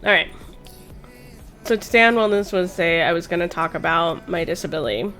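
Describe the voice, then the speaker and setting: Speaking briskly in a low-leaning, slightly bright voice, a woman in her thirties hosts a chat stream. She swears, rambles, and shares personal stories informally while music plays behind her.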